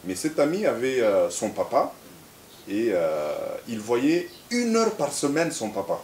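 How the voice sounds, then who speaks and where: A man from Central Africa, an interview guest who talks haltingly, repeating words, then tells stories in a measured way. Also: medium pitch, big pitch swings, a little mellow. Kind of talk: reflective conversational interview. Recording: echoey room with faint hiss.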